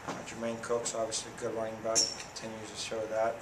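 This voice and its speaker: A man in his thirties talks after a game in a low, even voice that barely rises or falls. He is a football coach at a press conference, picked up from across an echoey press room by a distant camera, with a steady hiss of noise under him. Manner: plain, measured, many fillers and restarts. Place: press room in front of a sponsor backdrop. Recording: echoey room audio from a far camera, noisy.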